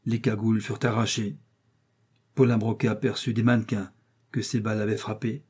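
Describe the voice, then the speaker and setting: A male audiobook narrator telling an old adventure tale in a dramatic, measured way. His voice is dark and mellow, with a husky edge. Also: fairly low pitch, flat delivery. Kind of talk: scripted narration.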